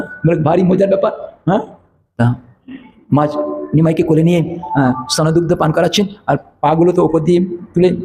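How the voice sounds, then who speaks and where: High-voiced male preacher telling devotional stories. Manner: animated storyteller, acts out voices, frequent affirming fillers. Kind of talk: devotional storytelling sermon. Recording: echoey room, faint noise.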